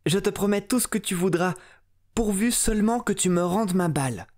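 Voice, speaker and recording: A man doing a high, pleading young princess. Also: moderate pace, darkish tone, lightly acted. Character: spoiled, tearful young princess. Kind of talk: storybook reading.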